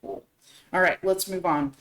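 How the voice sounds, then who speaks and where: A woman's voice: fairly low pitch, normal speed. Female co-host, casual commentary, emphatic quote reading; roomy, echoey recording. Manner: reads quotes aloud with animated emphasis. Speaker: podcast co-host. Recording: roomy echo.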